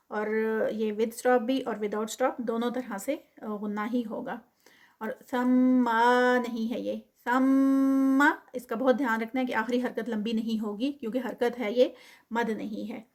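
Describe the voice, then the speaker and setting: A woman's voice: fairly high pitch, darkish tone. A woman with a Pakistani Urdu accent teaching Quran recitation, who draws out each example word in recitation and then explains it carefully, mixing in English terms.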